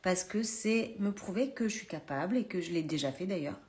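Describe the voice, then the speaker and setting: A woman's voice: on the low side, lively intonation, fairly quick. Chatty woman streaming live from a phone. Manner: chatty, warm address to viewers, many hesitations. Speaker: live streamer and massage trainer. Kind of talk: casual social media live chat. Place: holiday cottage.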